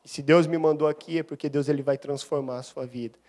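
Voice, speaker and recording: Animated man preaching a testimony sermon. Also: fairly high pitch, fast. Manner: animated storyteller, acts out dialogue. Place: church.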